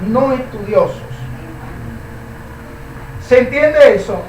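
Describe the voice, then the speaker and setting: A man's voice: very high-pitched, slight background noise. A man teaching a Bible study class, emphatic and full of rhetorical questions. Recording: echoey room, mic at a distance.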